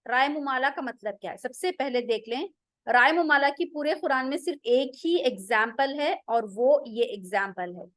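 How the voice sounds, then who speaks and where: Patient high-voiced woman teaching recitation. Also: fairly bright tone, no echo. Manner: patient, repeats and drills pronunciation slowly. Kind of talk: online tajweed lesson.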